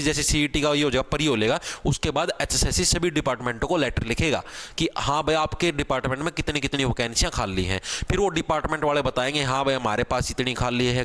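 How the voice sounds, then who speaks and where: A man teaching an exam-prep grammar class, casual, asking questions and answering them himself, sounding out letters slowly. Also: mid-range voice, a bit bright. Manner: spells out sounds slowly, one at a time. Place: online class video.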